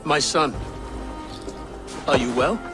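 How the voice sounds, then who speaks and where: With music in the background, a middle-aged male actor speaks formally in a slow, slightly high voice. He plays a newly crowned king who is also a solemn, grave father.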